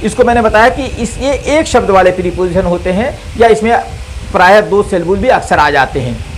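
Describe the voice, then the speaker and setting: A man giving a recorded grammar lesson as a teacher, who speaks slowly, repeats key terms, and asks and answers his own questions. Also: high voice, expressive, slight background noise, rough recording. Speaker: English teacher.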